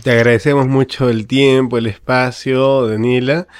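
A man's voice: medium pitch, level tone, moderate pace, clean tone. A man hosting a podcast, teasing and joking in casual banter. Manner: teasing, jokey. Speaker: host.

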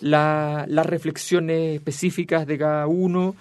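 A man's voice: on the high side, little pitch movement, unhurried, clear, resonant tone. Man discussing a novel. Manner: reads a dialogue passage aloud softly. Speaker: book club discussant. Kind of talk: casual literary discussion.

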